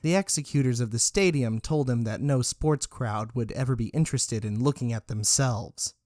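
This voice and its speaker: A man voicing a sly, scheming man who persuades in a smooth, measured way. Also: medium pitch, a little mellow, dry recording, clean studio sound, close to an everyday voice.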